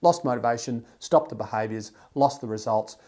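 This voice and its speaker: A man's voice: medium pitch, normal speed. A man hosting a podcast, talking bluntly and emphatically, swearing freely. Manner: restarts and fillers, animated delivery. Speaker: podcast host. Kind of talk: casual podcast conversation.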